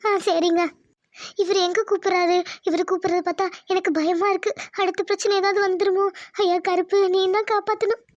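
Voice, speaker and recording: A woman's voice: very high voice, flat delivery, a little fast, dry recording, dull audio. A woman voicing a meek young village wife who pleads politely and tearfully with her husband.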